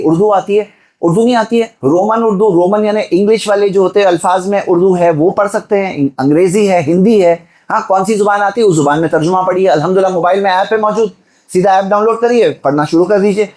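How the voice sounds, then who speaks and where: A man preaches a Friday sermon with a high voice and darkish tone, exhorting his listeners. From Mumbai, India, he fires off rhetorical questions and speaks to the audience directly.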